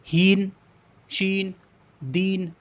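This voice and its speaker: A man's voice: high voice, fairly even intonation, extremely slow. A man teaching a Hindi exam-prep lesson, repeating words and coaxing students to think and answer. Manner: repetitive, coaxing questions to students.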